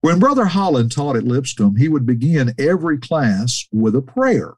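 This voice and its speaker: A man's voice: mid-range voice, very animated, moderate pace, husky, no echo. A man telling casual stories, often restarting sentences and raising his voice to mimic the people he quotes. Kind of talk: casual anecdotal storytelling.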